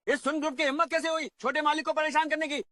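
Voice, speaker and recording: An actor playing a loyal old family servant who has found his lost young master, hurried and deferential. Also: very high-pitched, fairly even intonation, sharp tone, dry recording, clean studio sound. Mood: urgent devoted. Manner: hurried, deferential, commanding to underlings. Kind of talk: dubbed short drama.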